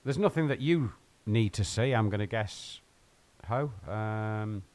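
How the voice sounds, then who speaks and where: A man's voice: fairly low pitch, a little slow, darkish tone. A man rambling and joking with his viewers while he plays and streams from home. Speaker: game streamer. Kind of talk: casual live-stream chat.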